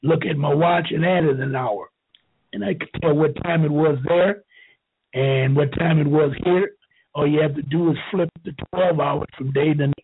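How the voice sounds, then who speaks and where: Husky seventy-year-old man on a tinny line. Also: on the high side. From United States. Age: 70s. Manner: slow, halting storytelling with restarts. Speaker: show host. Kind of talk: rambling talk.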